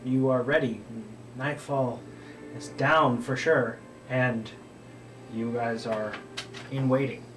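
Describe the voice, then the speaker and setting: A man running a tabletop game as dungeon master, narrating in a relaxed, rambling way with many fillers. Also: medium pitch, slow pace, reverberant, far from the mic, music in the background, low-quality recording.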